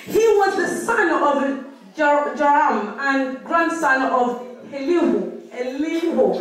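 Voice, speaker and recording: A woman reading scripture aloud in church, then interpreting a sermon line by line, quick to echo each phrase. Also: sits high, fairly bright tone. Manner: quick, echoing each line straight after the preacher. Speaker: Bible reader and interpreter. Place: church hall. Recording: echoey church hall from far off.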